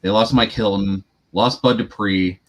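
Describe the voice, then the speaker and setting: Low-voiced man talking football casually. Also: unhurried. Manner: chatty, opinionated, animated asides. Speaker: podcast co-host. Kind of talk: casual sports podcast chat.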